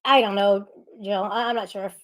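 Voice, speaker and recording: A woman's voice: medium pitch, fairly even intonation, fairly quick, fairly bright tone, low-quality recording. A woman hosting a casual live audio chat, talking hesitantly with many fillers and restarts. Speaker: livestream host.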